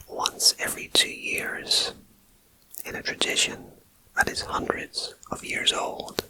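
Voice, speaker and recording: Whispering entirely without voice, this ASMR host slowly reads out numbered facts and wanders into easygoing, chatty asides, keeping everything hushed and intimate. A binaural ear-to-ear microphone shifts the sound from ear to ear, and the audio quality is poor.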